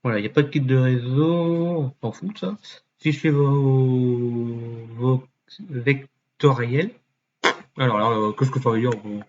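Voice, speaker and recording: A man talking to himself as he browses, muttering, trailing off and now and then swearing. He sometimes jumps into a mock high voice. The mic sounds dull and lo-fi with a faint hiss behind him. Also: lively intonation, a little fast, hardly any pauses. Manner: mutters and thinks aloud, with fillers and swearing. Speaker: YouTuber. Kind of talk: casual screen-recording commentary.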